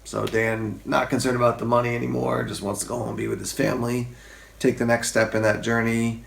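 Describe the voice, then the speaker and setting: Casual male host with some gravel, joking through TV commentary. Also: mid-range voice, little pitch movement, fairly quick, reverberant. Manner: jokey, acts out quotes in silly voices.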